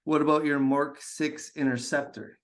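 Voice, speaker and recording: A man's voice: fairly high pitch, steady tone, normal speed. A man co-hosting a podcast in casual chat, teasing and ribbing his partner with jokes. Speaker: podcast co-host.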